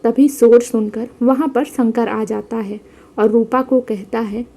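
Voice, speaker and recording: A woman storyteller reads out a family tale in a steady, plain way. Her voice is fairly high yet mellow and soft-edged. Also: a little slow. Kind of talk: scripted story narration.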